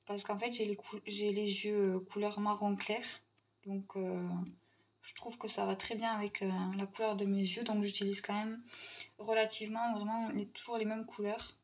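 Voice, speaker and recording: A young adult woman from Tunisia, chatting casually in a haul video, pausing often and restarting her sentences. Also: medium pitch, flat delivery. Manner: hesitant, many fillers and restarts, chatty. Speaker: vlogger.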